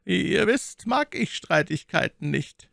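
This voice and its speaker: A man's voice: high voice, lively intonation, unhurried, vocal fry, fairly bright tone, no room sound, studio quality, voice pushed up, full character voice. A man voicing a commanding, cunning male cardinal with a ringing, imperious tone, in a storybook reading.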